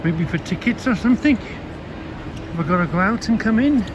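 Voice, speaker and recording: A man's voice: sits high, expressive, normal speed, lo-fi sound. Rambling man vlogging amid station noise. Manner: rambling, musing to himself. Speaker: travel vlogger. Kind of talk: casual travel vlog chat, thinking aloud. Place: train stations, platforms and aboard trains. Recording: noisy handheld recording amid station and train noise.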